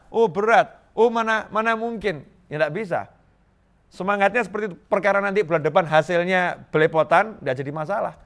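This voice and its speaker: A middle-aged man from Indonesia preaching a sermon to a congregation, lively and joking, repeating phrases for emphasis. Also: high voice. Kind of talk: Islamic sermon to a live congregation.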